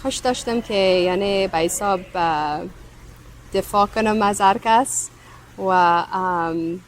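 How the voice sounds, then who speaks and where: Measured woman lawyer, hesitant. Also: mid-range voice, a little hiss or hum, rough recording. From Afghanistan, raised in the United States. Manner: measured, hesitant, many ums. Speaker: immigration lawyer. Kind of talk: interview answers.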